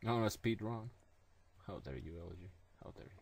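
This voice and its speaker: A man chatting casually while playing a video game with a friend, making silly deadpan jokes. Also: fairly low pitch, a little fast, gravelly, slightly rough. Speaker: gaming video co-host. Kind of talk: casual gameplay chat.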